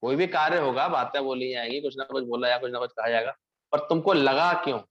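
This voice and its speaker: A man delivering a devotional sermon in a storytelling way, posing questions to his listeners and then answering them himself. His voice sits at an ordinary middle pitch for a man. The recording is somewhat muffled and lo-fi. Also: fast talker, a bit bright. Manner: storytelling preacher, asks and answers own questions. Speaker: spiritual teacher. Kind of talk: Hindi satsang discourse. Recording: dull lo-fi recording.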